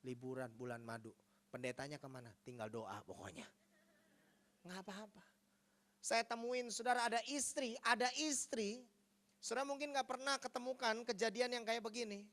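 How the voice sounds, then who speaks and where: A male pastor preaching a sermon, telling stories and acting out dialogue, swinging from hushed to loud. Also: high-pitched, moderate pace.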